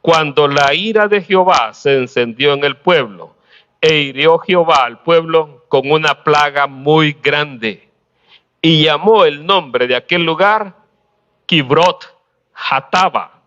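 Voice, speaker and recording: A man preaching a sermon, pausing often and asking rhetorical questions with a light laugh now and then. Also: a little high, animated, a bit bright, highs cut off. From Honduras.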